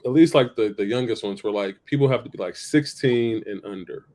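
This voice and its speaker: Chatting casually as a podcast co-host, a man muses through his ideas, circling back to points and tossing in "right?" to check in. His voice is mid-range and darkish, moving a little fast.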